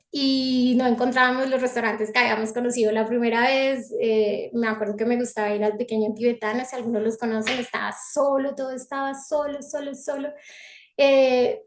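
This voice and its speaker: A woman's voice: high-pitched, echoey room. A woman with a Colombian accent sharing a reflective personal testimony at a spiritual gathering, restarting her sentences often as she recalls events. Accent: Colombian Spanish. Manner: heartfelt, reflective storytelling with frequent restarts.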